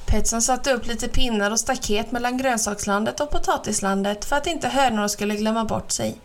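A woman reading a children's storybook aloud in a calm, clear, measured way. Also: fairly high pitch.

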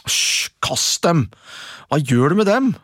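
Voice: medium pitch, very animated, a bit bright, dry recording, clean studio sound. A storyteller voicing two scornful older brothers in a folk tale, scolding and dismissive. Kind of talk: storybook reading.

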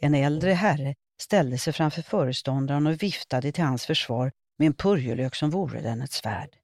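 A woman reading her own humorous column aloud with wry, expressive storytelling. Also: sits low, no room sound, studio quality. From Sweden.

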